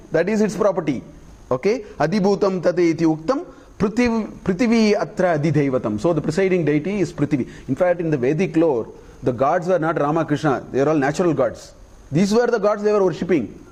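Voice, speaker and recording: Higher-voiced man teaching scripture. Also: expressive, darkish tone, husky. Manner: chants Sanskrit verses slowly, then explains, checking in with "okay?". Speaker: Vedanta teacher. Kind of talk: classroom lecture on scripture.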